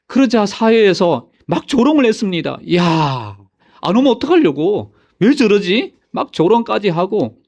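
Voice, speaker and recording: Lively Korean-speaking male pastor preaching. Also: high voice, gravelly. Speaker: senior pastor. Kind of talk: sermon.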